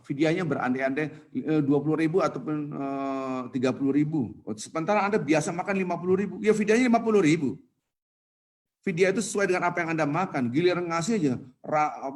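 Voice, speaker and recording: A man preaching in a mosque in a lively, colloquial way, reciting Arabic scripture and acting out the people in his examples. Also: fairly high pitch. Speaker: Islamic preacher. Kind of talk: casual preaching.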